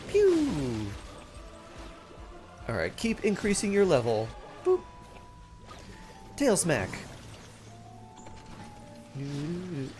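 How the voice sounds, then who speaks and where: Guy streaming a game, slow easy pace, super bouncy pitch, chats to viewers, silly doo-doo type noises. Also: huge pitch swings, a little mellow, soft background music. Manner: playful, sing-song filler sounds and vocal sound effects; thinks aloud. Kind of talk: casual live game stream commentary, chatting with viewers.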